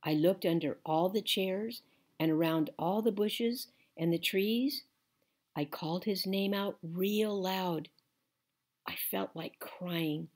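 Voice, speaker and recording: A woman reading a children's novel aloud in first person, gentle and unhurried. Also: lowish voice. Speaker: audiobook reader. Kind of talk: storybook narration.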